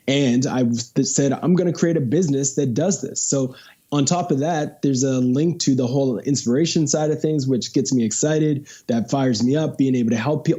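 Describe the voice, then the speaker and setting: A man's voice: mid-range voice, dark tone, slightly rough, dull audio. A man of thirty, a guest entrepreneur, telling his story with energy and lots of "I was like" asides. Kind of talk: casual interview chat.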